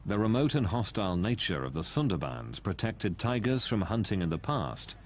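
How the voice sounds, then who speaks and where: A man reading scripted nature documentary narration in a dramatic, measured way. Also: lowish voice, big pitch swings, a little hiss or hum.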